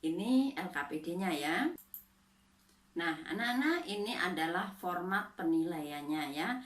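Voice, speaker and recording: A woman's voice: lowish voice, animated, a little slow. A middle-aged woman teacher giving a lesson, talking patiently and often tagging her sentences with a questioning "ya". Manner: patient, adds tag "ya" often, fillers. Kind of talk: classroom lesson explaining slides. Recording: roomy echo, distant mic.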